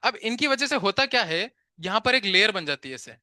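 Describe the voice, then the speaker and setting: A man teaching physics to a live class, chatty and quick to tell students to stop talking and pay attention, mixing English terms into his Hindi and asking questions he answers himself. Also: high voice, sing-song, pushed and bright, no room sound, studio quality.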